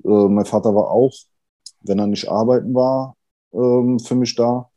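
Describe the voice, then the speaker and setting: A man in his thirties, a podcast guest, talking candidly and thoughtfully with many pauses and fillers. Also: medium pitch, fairly even intonation, warm tone, muffled recording. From Germany, Italian family. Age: 30s. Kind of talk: candid conversation.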